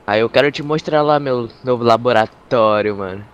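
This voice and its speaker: A man's voice: mid-range voice, moderate pace, smooth, lo-fi sound. A Brazilian man in a crime roleplay game, talking in laid-back, boastful street slang. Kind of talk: casual gaming roleplay chat.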